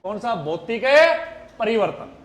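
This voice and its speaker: High-pitched man quizzing his class. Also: lively intonation, measured pace, a bit bright. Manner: quizzes students with repeated questions, calls them beta; jokey wordplay mnemonics. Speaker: teacher. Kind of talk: live online exam-prep class.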